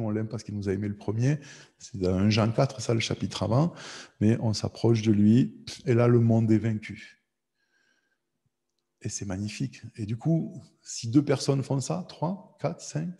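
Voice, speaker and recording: A man's voice: medium pitch, creaky, mellow. A man preaching an informal sermon, repeating words, acting out prayers and tagging phrases with "hein". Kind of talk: conversational sermon. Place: church hall. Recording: long reverb of a church hall.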